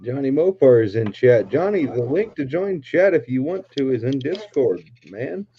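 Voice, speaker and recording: A man's voice: mid-range voice, big pitch swings, normal speed. A man in his late twenties hosting a casual chat show, joking and swearing freely with his friends. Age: 20s. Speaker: podcast host. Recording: dull lo-fi sound with faint noise.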